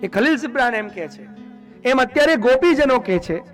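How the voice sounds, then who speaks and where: Animated high-voiced preacher. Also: male voice, a little fast, soft background music. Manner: animated, asks the audience questions and answers them himself. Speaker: religious discourse speaker. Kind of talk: devotional sermon.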